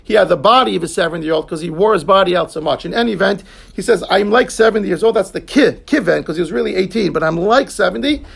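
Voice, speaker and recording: A man's voice: sits high, creaky, a bit bright, husky. A man teaching a Talmud class, explaining each term in English and answering his students. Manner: explains terms in English, quick asides to students.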